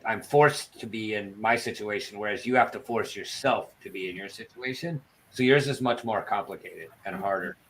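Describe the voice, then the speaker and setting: A man's voice: medium pitch, a bit bright, poor audio. A man chatting casually on a livestream in a self-deprecating, storytelling way, with a lisp and whistling s sounds from missing front teeth. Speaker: livestream participant and former broadcaster.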